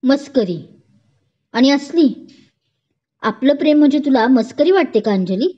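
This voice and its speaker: A woman's voice: mid-range voice, measured pace, mellow, lightly acted. A woman reading a storybook romance, voicing a young man who is tender and scolds in jest. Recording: dull lo-fi recording.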